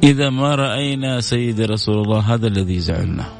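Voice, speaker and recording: A man's voice: fairly low pitch, expressive, fast, gravelly, soft background music. A middle-aged man preaching a sermon with fervor, repeating exclamations with rising emotion.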